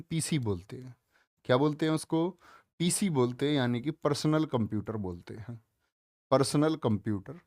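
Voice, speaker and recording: A man teaching a live online class, loud and emphatic, drilling students with repeated questions. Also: mid-range voice, no echo, clean studio sound.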